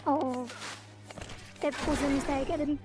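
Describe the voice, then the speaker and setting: A woman's voice: sits high, steady tone, a little slow, music in the background. A woman streamer giving casual gameplay commentary, thinking aloud and reading bits of game text.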